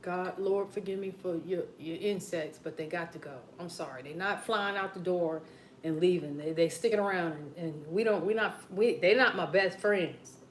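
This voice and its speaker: A woman's voice: fairly low pitch, moderate pace, slight background noise, poor audio. A woman with a Southern American accent hosting a late-night mukbang livestream from home, chatting casually and rambling to her viewers as besties. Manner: rambling, talks to viewers as besties, drops into quiet asides.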